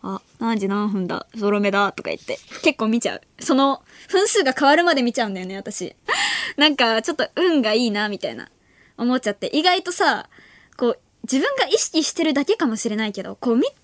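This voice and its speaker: A woman's voice: a little high, fairly bright tone, no echo. A woman in her late teens hosting a late-night radio show, chatting casually and reading listener mail, giggling often between remarks in a studio. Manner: chatty, playful, talks to listeners directly. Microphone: studio microphone.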